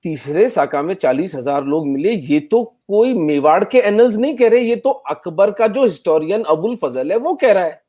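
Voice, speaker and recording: Indignant man, high-pitched. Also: animated, normal speed, hardly any pauses. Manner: forceful, indignant, switches into English phrases. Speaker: guest historian. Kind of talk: impassioned interview answer.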